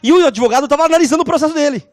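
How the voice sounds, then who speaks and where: A woman lecturing on law, telling lively stories and constantly checking in with her class. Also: high voice, very fast, no echo, studio quality. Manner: animated, acts out scenes.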